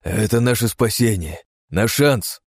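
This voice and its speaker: A man voicing a furious, greedy aristocrat who shouts and snarls. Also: lowish voice, moderate pace, no echo, clean studio sound, voice pushed up, close to an everyday voice. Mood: gloating. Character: furious greedy middle-aged male aristocrat.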